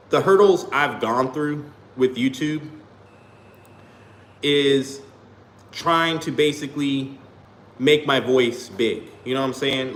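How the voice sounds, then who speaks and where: This male streamer has a medium-pitched, fairly bright voice as he chats loosely with his audience, leaning hard on "you know what I'm saying" and "you feel me." He's a small YouTuber, and his stream carries a roomy echo and a faint background hum.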